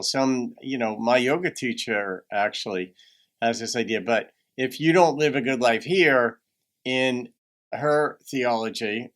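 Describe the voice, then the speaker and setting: A man's voice: mid-range voice, fairly bright tone. A man hosting a reaction video with conversational commentary in a thoughtful, musing manner.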